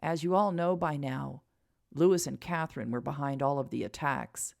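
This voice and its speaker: A woman voicing a calm, protective young man who speaks gently and steadily in a storybook reading. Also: low-pitched, moderate pace, gravelly. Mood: serious.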